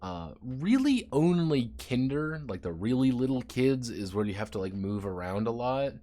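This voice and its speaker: A man's voice: mid-range voice, very animated, moderate pace, mellow, faint music behind. A man streaming and chatting casually, rambling, swearing and sardonic about his teaching job.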